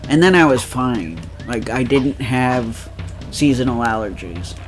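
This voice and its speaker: A man with a nasal, mid-range voice and lively intonation talks unhurriedly over music. He's a let's play co-host chatting casually during gameplay, rambling with plenty of fillers and laughter.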